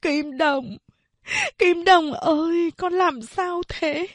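A woman's voice: a little high, slow, darkish tone, slightly rough, no room sound. A woman voicing an older mother who grieves and pleads over her sick son. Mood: wailing. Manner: wailing, pleading.

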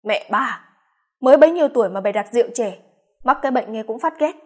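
A woman reading the part of a wise older eldest brother, speaking slowly and in measured tones. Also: very high voice, lively intonation, darkish tone. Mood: scolding. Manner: slow, measured lecturing.

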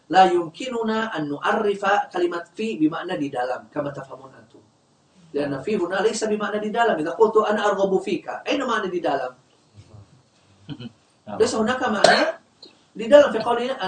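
Man teaching grammar, prompting students to finish his words, roomy sound from a distant mic. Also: high-pitched. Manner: quizzes the class, leaves words unfinished for students to complete. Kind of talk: classroom grammar lesson. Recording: echoey room, distant mic.

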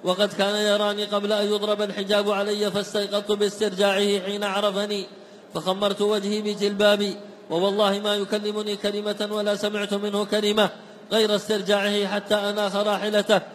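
A man reading classical text aloud in a steady, chanting recitation for a class. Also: sits high, fairly quick. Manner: even, chanting recitation of chains of narrators. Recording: long hall reverb.

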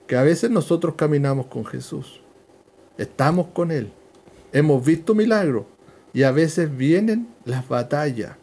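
A man teaching a verse-by-verse Bible lesson, slow and emphatic, repeating key phrases. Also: fairly high pitch.

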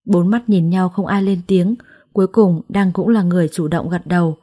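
Woman narrating a sad first-person story, calm and reflective, mellow warm voice. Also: on the low side, normal speed.

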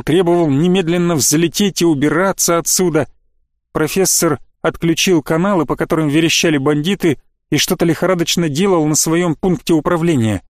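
A man narrating an audiobook in a steady, measured way. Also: a little high, no echo, clean studio sound.

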